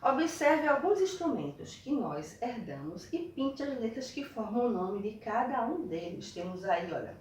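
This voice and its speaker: A woman's voice: fairly high pitch, very animated, a little slow, few pauses, darkish tone, very echoey, distant mic. A woman from Brazil teaching a video lesson, guiding children through textbook exercises and checking in with frequent tag questions. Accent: Brazilian Portuguese.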